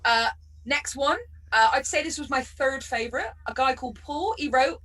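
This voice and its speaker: Over a video call, a Bristol-born woman with a West Country accent does a chatty, sarcastic stand-up routine with bursts of laughter. Her voice is high, bright and forceful, at normal speed. Audio is poor and the mic is distant.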